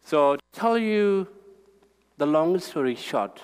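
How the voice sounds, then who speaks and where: A man's voice: a little high, animated, darkish tone, clear, resonant tone. Man speaking in an echoing hall. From South Sudan. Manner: halting, repeats words, plain heartfelt. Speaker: guest speaker. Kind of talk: personal testimony talk with slides. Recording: hall reverb.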